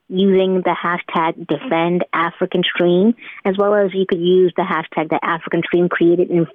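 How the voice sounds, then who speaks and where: A woman speaks over a tinny phone line. Her voice is flat and even as she explains steps in a steady way. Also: fairly low pitch, no room sound. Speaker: editor. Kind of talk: interview answer.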